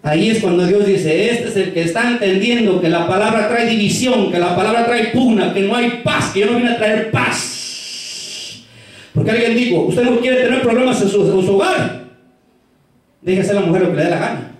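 Preacher guy with a really high voice, fervent, echoey church, far from the mic. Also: moderate pace. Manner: fervent, repeatedly calling out "hermano". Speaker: pastor. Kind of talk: sermon.

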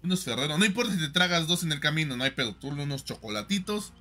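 Man, Mexican accent, young adult, streamer, slangy joking advice, bright forceful voice, somewhat high, faint music behind. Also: lively intonation, quick pace. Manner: joking, slangy, lots of fillers. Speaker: livestream host. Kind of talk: casual chat, joking advice to viewers.

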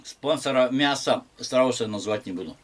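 A man's voice: mid-range voice, moderate pace. Young male mukbang host, chewing while talking, mumbly casual chat, mid-range voice. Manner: mumbling, muffled and quiet between bites. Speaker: mukbang vlogger. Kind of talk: casual eating vlog chat.

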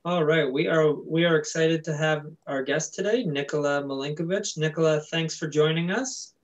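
A young adult man hosting a podcast interview over a video call, upbeat and halting with fillers. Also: fairly high pitch. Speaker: podcast host. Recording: dull lo-fi call audio.

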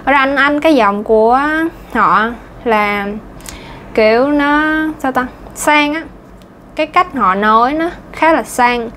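A woman's voice: high voice, slow, a bit bright, a little hiss or hum. A woman with a Southern Vietnamese accent, talking casually as an English pronunciation teacher, chatty and full of fillers. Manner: chatty, lots of fillers and little laughs. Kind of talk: casual chatty lesson talk.

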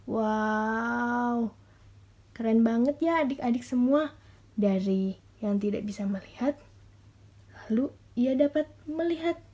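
A young Sunday school teacher with an Indonesian accent, speaking to little children in a sing-song, coaxing storyteller's voice. Her tone is mellow and a little husky, pitched slightly high for a woman.

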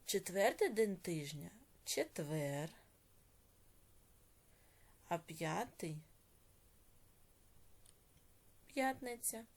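Woman teacher, Ukrainian accent, online lesson for children, slow careful dictation, lowish voice. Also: animated, a little mellow. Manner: slow, clearly stressed dictation of words. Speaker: primary school teacher.

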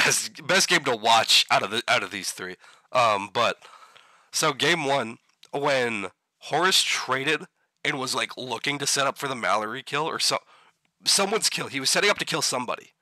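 Young man, sharp bright tone going hoarse, dry mic, animated game recap. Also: mid-range voice, normal speed, no room sound. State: losing his voice. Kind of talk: casual post-game chat.

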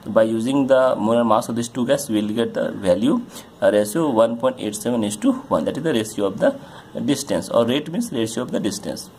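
A man tutoring chemistry, working through a solved problem in a halting way with many fillers while pointing at a diagram. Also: medium pitch, lively intonation, darkish tone, slight background noise. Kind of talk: explaining a solved problem on a board.

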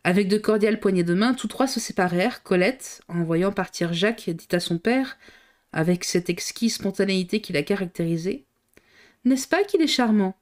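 A woman reads a classic novel aloud on a live stream. Her narration is steady and clear, in a voice of middling pitch for a woman. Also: normal speed.

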